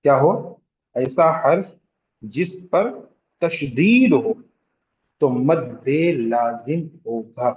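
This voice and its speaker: Slow, patient man teaching tajweed. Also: medium pitch, animated, a little mellow, lo-fi sound, slight background noise. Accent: Hyderabadi Urdu. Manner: patient, repeats terms and asks the class questions; draws out vowels to demonstrate elongation. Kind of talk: slow classroom lecture.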